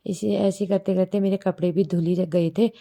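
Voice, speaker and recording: A woman's voice: fairly low pitch, steady tone, normal speed, mellow. A young woman from Uttarakhand, narrating a casual home vlog in a chatty, rambling way. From Uttarakhand, India. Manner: chatty, repeats "matlab" often. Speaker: village vlogger and mother. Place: home courtyard outdoors.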